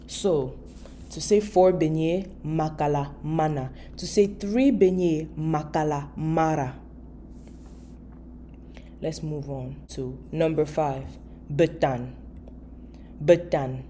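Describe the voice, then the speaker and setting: A woman giving a patient, casual video language lesson, repeating each word slowly and explaining step by step. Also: low voice, fairly even intonation, dark tone, a little hiss or hum. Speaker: language teacher.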